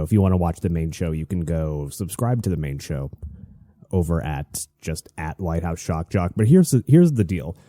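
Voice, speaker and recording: Male solo show host: low, dark and slightly stuffy, casual confessional delivery with halting restarts. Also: no room sound, studio quality.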